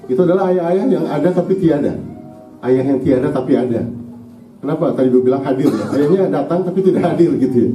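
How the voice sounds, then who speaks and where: A man's voice: on the high side, lively intonation, fast, mellow, soft background music. A man with an Indonesian accent giving a conversational Islamic parenting lecture to parents in a mosque, often checking in with the audience. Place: mosque hall. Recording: echoey hall, recorded from a distance.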